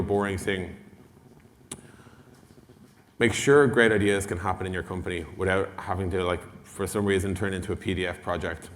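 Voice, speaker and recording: This tech executive on a conference stage talks casually and bluntly about a product, swearing mildly and voicing imagined dialogue for the room. His voice is lowish, and there is a little hiss or hum. The big indoor hall adds long reverb.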